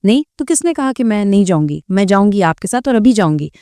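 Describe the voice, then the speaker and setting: A woman's voice: mid-range voice, lively intonation, warm tone, no room sound, clean studio sound, close to an everyday voice. A woman voicing a naive young heroine in a romance audiobook who pouts and complains like a child. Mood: pouting.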